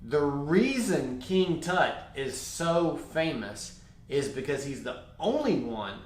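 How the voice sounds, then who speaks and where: A man with a somewhat higher voice who joins in casual conversation, adding context and laughing along. He is recorded in a room with a clear echo. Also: sing-song, takes it slowly. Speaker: podcast co-host.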